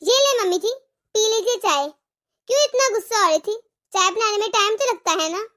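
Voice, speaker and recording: A woman's voice: very high-pitched, lively intonation, fairly quick, a bit bright. A woman voicing a patient elder daughter-in-law in a cartoon who reasons with her mother-in-law. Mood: placating.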